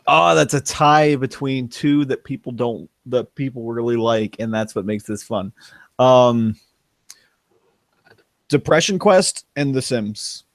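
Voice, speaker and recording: A man's voice: mid-range voice, takes it slowly, dry recording. Rambling young man, podcast guest. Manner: rambling, self-interrupting, laughs. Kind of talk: casual chat.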